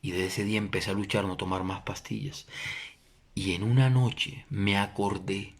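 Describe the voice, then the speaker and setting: A middle-aged Colombian pastor giving a sermon testimony, emphatic, swinging between loud declarations and hushed prayer. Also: male voice, low-pitched, slightly rough.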